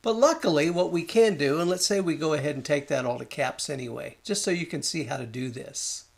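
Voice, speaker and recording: A man talking through a design software tutorial, thinking aloud and muttering at the program as he works, with keyboard and mouse clicks behind him. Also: on the high side, a little fast, creaky. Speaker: design instructor. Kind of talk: screen-recorded software tutorial.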